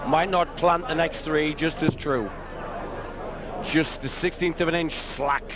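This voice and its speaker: A man giving excitable, emphatic live commentary on a darts match as co-commentator. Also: fairly high pitch, a little slow. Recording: muffled broadcast with loud crowd. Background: loud darts crowd.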